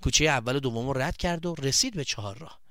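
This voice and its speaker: A man narrating a story for children, addressing them directly in a lively storytelling manner. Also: mid-range voice, no room sound, studio quality.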